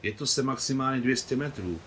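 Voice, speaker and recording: A man voicing a gentle, agreeable young female trick rider. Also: medium pitch, a little hiss or hum, pitched above the performer's own voice, natural voice. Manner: agreeing, reasonable.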